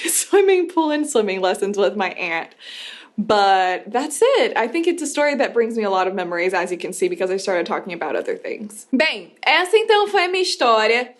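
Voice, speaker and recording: A young woman from the United States, chatty and animated, giving a casual video lesson on English as a teacher. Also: medium pitch. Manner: chatty and animated, lots of fillers; lively, playful teaching tone.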